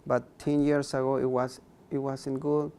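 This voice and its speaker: Here a young adult Mayan speaker from Guatemala, with K'iche' as his first language, gives an earnest interview as a guest, repeating words for emphasis. The medium-pitched voice is mellow and clean, delivered flatly at a measured pace.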